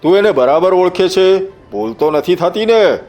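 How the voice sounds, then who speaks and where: A brutal pirate chief, voiced by a male narrator hurls harsh, menacing threats with a savage temper. The storybook reading has light music beneath it, and his slightly raised pitch keeps the snarl tense. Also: expressive, moderate pace, darkish tone. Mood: suspicious.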